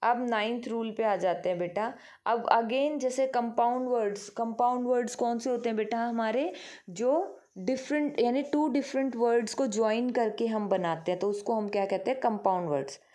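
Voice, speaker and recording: A woman's voice: a little high, normal speed, dark tone. A woman teaching a grammar lesson, patiently asking the class questions and answering them herself. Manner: addresses pupils affectionately as "beta".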